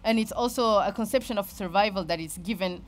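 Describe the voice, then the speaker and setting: A woman with a Moroccan accent giving an informal talk, haltingly searching for words and often repeating herself. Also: mid-range voice. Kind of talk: informal spoken presentation.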